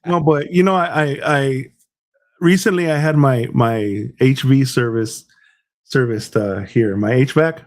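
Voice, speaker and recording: A man's voice: medium pitch, a little slow. A middle-aged man co-hosting a podcast, telling stories in casual chat, rambling and restarting his words, with plenty of bro and dude. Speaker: podcast co-host.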